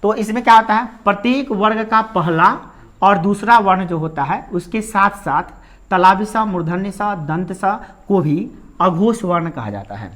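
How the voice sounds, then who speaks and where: Guy teaching grammar, keeps asking the class questions n repeating stuff, really animated up and down voice. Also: high-pitched, measured pace. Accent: Hindi. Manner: repeats and quizzes the listener, rhetorical questions. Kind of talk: Hindi grammar lesson.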